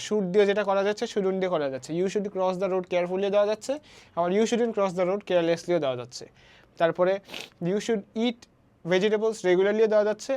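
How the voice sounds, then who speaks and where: A woman from Bangladesh teaching a primary English lesson online. She mixes Bangla and English and reads the example sentences slowly. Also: medium pitch, darkish tone.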